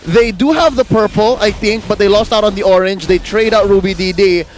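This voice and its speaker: A man working as an esports caster, giving excited play-by-play commentary in punchy, repeated calls. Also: sits high, fairly quick, a little hiss or hum.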